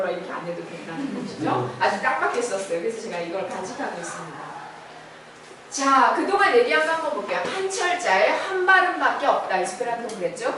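A woman teacher with a fairly high, lively voice explains points step by step and asks the class questions. She is heard from a distance in a very echoey hall. A faint hiss of room noise sits underneath her voice. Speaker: Esperanto lecturer. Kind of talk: classroom lecture.

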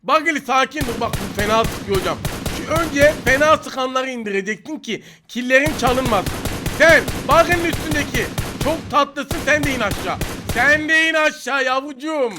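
A young man with a Turkish accent giving joking, excitable commentary over his own gameplay, teasing opponents. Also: extremely high pitch, normal speed, over music. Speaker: gaming YouTuber.

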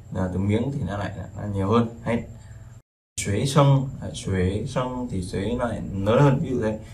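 A man with a somewhat low voice talks through a language lesson in a loose, conversational way. He rambles and circles back, filling pauses with small hesitations, over a faint hiss of background noise. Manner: relaxed, rambling, with frequent fillers and repetitions. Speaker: Chinese teacher. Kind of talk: casual explanatory lesson.

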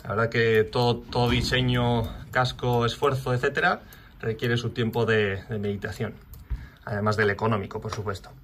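A man walking viewers through a design website in a relaxed, chatty tutorial, talking to the audience as he clicks. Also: medium pitch, normal speed, slight background noise. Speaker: channel host. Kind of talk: casual screen walkthrough tutorial.

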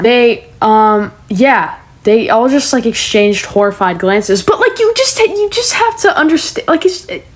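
Sarcastic teenage girl ranting to camera. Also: fairly high pitch. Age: teens. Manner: sarcastic, animated storytelling with mocking voices. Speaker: TikTok creator. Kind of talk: casual vlog rant.

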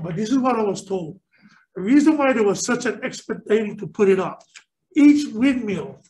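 In a low-quality recording, a middle-aged man with a high-pitched voice questions a nominee at a legislative hearing. He is a state senator speaking through a face mask into a table microphone in a government hearing room, and his earnest, rambling questions repeat words as he searches for what to say.

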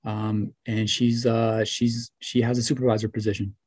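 A man's voice: fairly low pitch, level tone, moderate pace, darkish tone, breathy edge. A young man in his twenties, a guest on a video call interview, talking earnestly with lots of "you know" and "right". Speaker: interview guest, former student. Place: small room at home. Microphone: webcam or laptop mic on video call.

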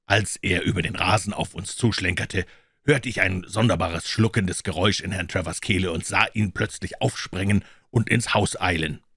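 A husky, low-voiced man reads a classic story aloud as an audiobook. His delivery is measured and forceful. The sound is dry and close, with no room around it. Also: no echo. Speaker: audiobook reader.

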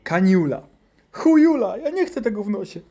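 Man playing a panicky little boy, shrill squeaky voice, swearing, loud. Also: wildly swooping pitch, a little slow, husky, heavily acted. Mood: panicked. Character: terrified foul-mouthed little boy patient.

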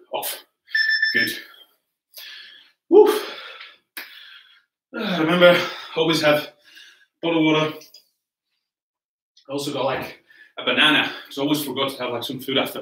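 A man's voice: a little high, fairly bright tone. A man coaching a home workout, cheerfully counting down and cueing each move while getting out of breath. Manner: upbeat, encouraging, counts down and cues moves while exercising. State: breathing hard between moves. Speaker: fitness coach. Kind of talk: live home workout instruction. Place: warm room at home, indoors. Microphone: laptop camera from across the room. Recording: roomy echo from a distant mic.

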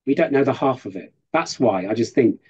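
A man, a professor, talking earnestly in an interview and telling stories with lively quoted asides. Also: mid-range voice, fairly quick, breathy edge, dull audio. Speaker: professor giving a guest interview. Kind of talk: conversational interview storytelling.

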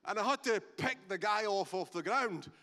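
High-voiced Scottish pastor in a reverberant hall. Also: male voice, lively intonation, normal speed, bright, forceful tone. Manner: emphatic, conversational preaching. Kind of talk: sermon with storytelling and prayer. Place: church service.

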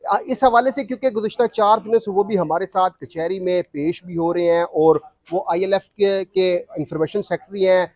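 A man's voice: sits high, a little fast, few pauses, darkish tone, no echo. A man, a news reporter outside a court, asking probing, leading questions. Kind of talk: field reporting and interviewing.

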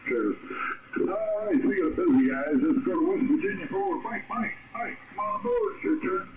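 A man's voice: very high voice, wildly swooping pitch, normal speed. A man running an amateur radio net in an easygoing, folksy way, heard over a radio transmission. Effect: radio transmission with static. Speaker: net control operator. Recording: tinny radio audio with loud static.

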